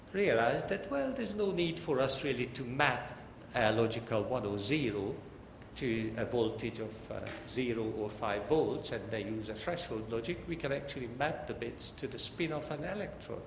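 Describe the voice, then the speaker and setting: An older male professor delivers a technical academic lecture in a large lecture hall, his medium-pitched voice gravelly. The hall is echoey with long reverb, and background noise is audible.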